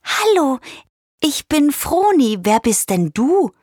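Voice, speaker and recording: A woman's voice: sits high, sing-song, slow, darkish tone, dry recording, clean studio sound, voice pushed up, heavily acted. A woman voicing a cheerful little pink female bird in a children's story, talking in a chirpy, bubbly way.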